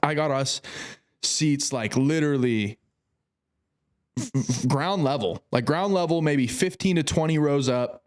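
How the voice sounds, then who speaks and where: A young man telling a long story in casual podcast chat, animated and swearing, jumping way up in pitch when he quotes people. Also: a little slow, long pauses. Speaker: podcast guest.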